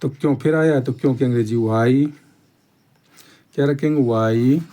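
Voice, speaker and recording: Guy teaching grammar, mellow low-key voice, keeps repeating stuff and asking "theek hai". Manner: slow, repetitive explaining with frequent "theek hai" check-ins. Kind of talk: step-by-step grammar lesson.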